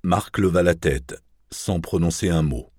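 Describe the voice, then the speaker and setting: A man narrating a novel in a measured, even audiobook reading. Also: deep voice, breathy edge, no room sound, studio quality.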